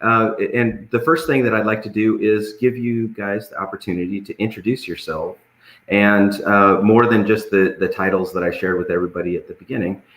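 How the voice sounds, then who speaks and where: Deep voiced guy hosting a live chat, jokey, bit halting, echoey room. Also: fairly even intonation, a bit bright. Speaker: host. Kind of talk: casual live-stream hosting. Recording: roomy, echoing sound.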